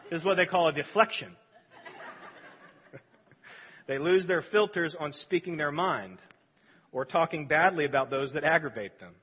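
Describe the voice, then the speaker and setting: A pastor preaching a sermon in a large church sanctuary, earnest and emphatic, often dropping suddenly quiet. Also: male voice, a little high, lively intonation, moderate pace, pauses often, husky. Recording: dull lo-fi sound with long hall reverb.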